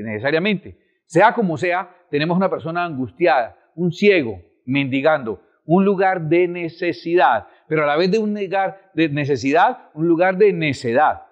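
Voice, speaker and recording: Man preaching with lively rhetorical questions. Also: high voice, muffled recording. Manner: rhetorical questions to the audience, lively swings in emphasis. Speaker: pastor. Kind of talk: sermon.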